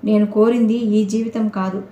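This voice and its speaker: A woman's voice: medium pitch, flat delivery, moderate pace, mellow, lightly acted. A woman voicing an indignant young bride with an accusing manner, in an audio novel reading. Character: young bride, bitter and defiant. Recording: roomy echoey recording.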